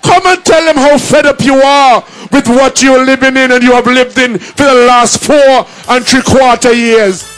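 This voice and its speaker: A man emceeing a political rally, shouting and calling out to the crowd. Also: very high-pitched, fairly even intonation, normal speed, few pauses, soft background music, rough recording. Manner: shouting, call-and-response with the crowd. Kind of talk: rousing political rally speech.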